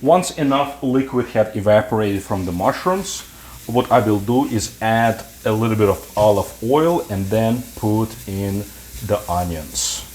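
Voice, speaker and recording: Low-voiced man hosting a cooking show. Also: a little hiss or hum. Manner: relaxed, halting explanations with fillers. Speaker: cooking channel host. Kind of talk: home cooking tutorial. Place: home kitchen.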